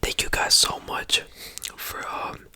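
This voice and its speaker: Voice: slow pace, pushed and bright. A whispering ASMR creator rambling casually and repetitively in slangy speech, close to the microphone. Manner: slangy, repetitive, rambling, often saying bro and you know.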